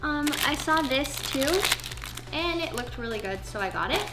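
A woman's voice: high-pitched, expressive, normal speed, over loud music. Chatty young woman in a roomy kitchen. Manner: chatty, filler-heavy, listing items one by one. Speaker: vlogger. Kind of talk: casual grocery haul vlog. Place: home kitchen, indoors.

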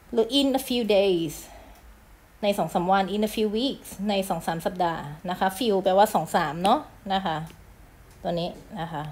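A woman English teacher, from Thailand, explaining a lesson in a chatty manner, reading English phrases slowly and clearly, with polite endings and casual asides. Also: medium pitch, a little mellow.

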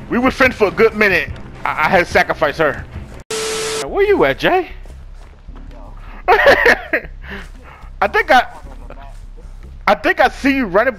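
A young man talking excitedly while playing a game, often yelling, swearing a lot, apologizing and laughing in between. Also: sits high, poor audio. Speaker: gamer playing with a friend. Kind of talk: excited gaming commentary.

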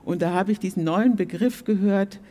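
A woman in her sixties, a guest on a theatre stage, telling her story in a reflective, animated way. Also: medium pitch, normal speed. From Germany. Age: 60s. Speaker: panel guest. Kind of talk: stage panel talk.

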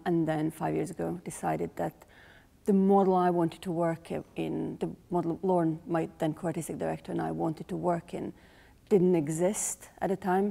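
A woman's voice: fairly low pitch, vocal fry, warm tone, husky. A woman in her forties with a Croatian accent, a playwright and director explaining her work thoughtfully in an interview in a large rehearsal hall. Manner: thoughtful, searching for words. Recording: long hall reverb.

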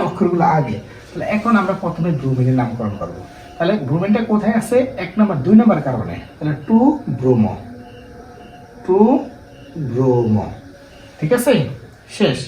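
A man's voice: sits high, a little mellow, slight background noise. A man teaching a chemistry lesson to students, explaining step by step and often asking them rhetorical questions. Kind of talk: classroom lecture. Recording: echoey room from a distance.

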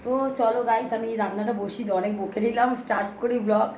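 A young woman with a hoarse throat, chatting to her viewers in a casual home vlog while filming on a handheld phone. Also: a little high, fairly even intonation, quick pace, a little mellow, slight background noise, poor audio. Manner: chatty, addresses viewers directly. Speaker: vlogger. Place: small home flat. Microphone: phone held in hand.

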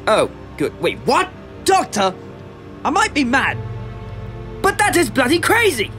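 A man's voice: very high-pitched, wildly swooping pitch, measured pace, bright, forceful tone, faint music behind, heavily acted. A man playing an exasperated, grudgingly fond rival of the hero in an audio drama, speaking emphatically.

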